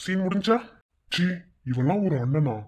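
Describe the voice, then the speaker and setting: A man's voice: high voice, lively intonation, moderate pace, a little mellow. A man doing a sarcastic teasing young guy. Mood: mocking. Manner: mocking, sarcastic.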